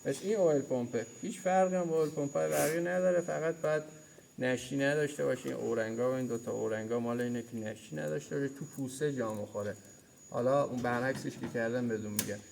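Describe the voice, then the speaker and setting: A man's voice: medium pitch, gravelly, darkish tone, a little hiss or hum, rough recording. A man teaching a hands-on mechanics lesson in a workshop, pointing at parts and repeating key terms. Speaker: mechanics instructor. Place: auto repair workshop.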